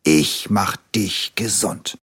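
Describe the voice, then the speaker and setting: A man voicing a kind little male bear who talks calmly and reassuringly. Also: mid-range voice, takes it slowly, breathy edge, voice pushed up, exaggerated voice. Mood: caring. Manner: calm, reassuring.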